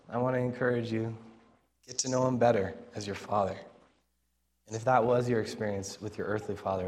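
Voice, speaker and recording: Preaching an informal sermon, a pastor pushes his raspy, strained voice for volume, earnest and conversational, pausing mid-phrase. His pitch is fairly low and his tone darkish.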